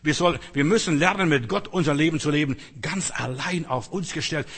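A man's voice: fairly high pitch, fairly quick, fairly bright tone, breathy edge. An older man preaching a sermon, earnest and emphatic with rising outbursts. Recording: long reverb in a hall.

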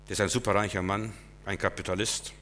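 Male preacher, sermon, emphatic, bright and forceful voice, long reverb of a hall. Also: lowish voice, flat delivery, fast talker, a little hiss or hum. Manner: emphatic, swings between loud and quiet.

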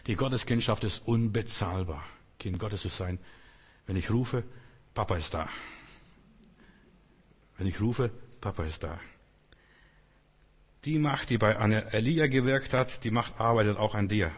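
A man's voice: lowish voice, moderate pace, husky. A man preaching a sermon, with emphatic repetition and frequent questions to his listeners. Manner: emphatic, repetitive, often asks the listeners "verstehst du". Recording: long echo of a large hall.

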